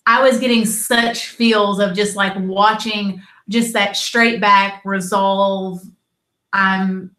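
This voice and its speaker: A woman co-hosting a casual review chat, earnest and halting as she retells scenes. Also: medium pitch, fairly even intonation, a bit bright, roomy sound. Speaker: co-host reviewing a TV episode.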